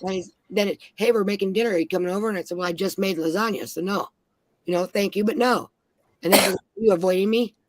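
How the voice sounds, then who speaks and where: A woman's voice: mid-range voice, fast talker, no echo. A woman from Minnesota on a panel, telling blunt, heavily profane stories in casual chat. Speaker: panel guest.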